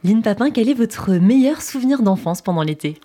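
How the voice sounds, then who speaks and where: A woman hosting a light summer radio interview, chatty and quick to laugh along with her guest. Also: a little high, lively intonation, mellow. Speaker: radio host.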